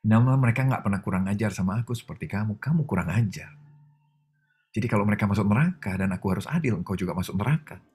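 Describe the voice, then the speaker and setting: A man voicing God as a calm, patient father gently reproving his child, with a soft, measured delivery. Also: fairly low pitch, a little hiss or hum, lightly acted. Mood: firm.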